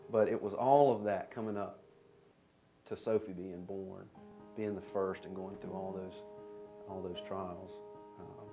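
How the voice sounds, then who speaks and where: Guy with a low voice telling his testimony, stop-start, guitar playing softly. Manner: halting, earnest, with many restarts. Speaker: father sharing a testimony. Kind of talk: personal testimony.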